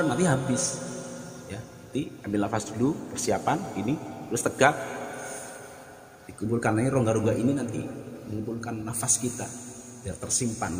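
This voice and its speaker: A man teaching the call to prayer step by step, explaining plainly and then breaking into long, high sung calls. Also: slight background noise. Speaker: adhan teacher. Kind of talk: spoken tutorial with sung demonstrations. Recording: echoey room with long reverb, faint music.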